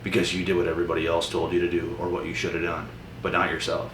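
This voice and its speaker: Blunt, deep-voiced young man preaching. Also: level tone, quick pace. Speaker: motivational vlogger. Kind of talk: motivational monologue to camera. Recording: echoey room from a distance with noise.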